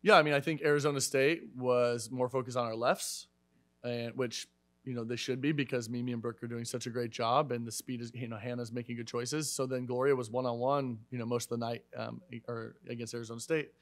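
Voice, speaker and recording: A man's voice: medium pitch, little pitch movement, fairly bright tone, no echo. A man in his thirties, a head volleyball coach, answering questions at a post-match press conference in a casual, filler-heavy way. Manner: fast, conversational, many fillers and restarts. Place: media room in front of a sponsor backdrop. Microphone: desk microphone.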